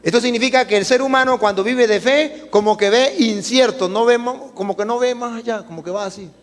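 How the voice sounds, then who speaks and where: A man's voice: extremely high pitch, brisk, long reverb tail. A man, a priest preaching at a retreat, telling stories animatedly and asking the audience questions. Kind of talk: sermon at a retreat.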